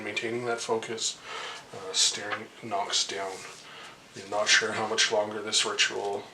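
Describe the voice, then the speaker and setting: A man running a tabletop game as game master, relaxed and encouraging, quick to laugh. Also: on the low side. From Canada. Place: convention room. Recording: echoey room with noise.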